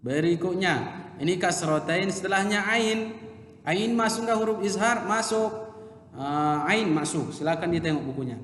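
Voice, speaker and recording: A man teaching children Quran recitation rules in a casual lesson, who explains slowly, then chants the verse examples in a drawn-out recitation tone and trails off into quiet asides. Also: high-pitched, animated, slight background noise. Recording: echoey room with long reverb.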